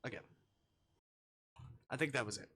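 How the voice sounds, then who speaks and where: A male live streamer chats casually while reading a visual novel aloud, muttering and swearing as he goes. His voice is mid-range and sharp in tone, at normal speed.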